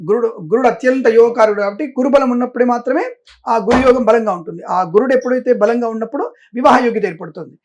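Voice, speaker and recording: A man's voice: very high-pitched, quick pace, dull audio. A middle-aged man speaking as a Vedic astrologer in an interview. He talks emphatically and insistently, stresses himself again and again, and slips English phrases in among his sentences. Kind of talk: interview answers.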